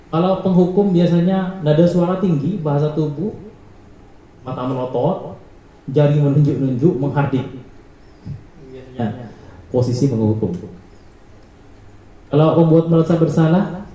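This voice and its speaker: Male teacher, lesson presenter, reads out numbered lists; dark tone, very roomy echo. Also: on the high side, steady tone, normal speed, long pauses. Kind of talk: presenting a training module. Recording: echoey room.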